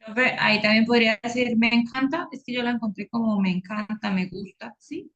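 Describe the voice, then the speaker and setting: A woman student speaks up in an online class, asking her teacher questions. Her voice sits fairly high and comes through dull, lo-fi video-call audio. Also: fairly even intonation, brisk, fairly bright tone.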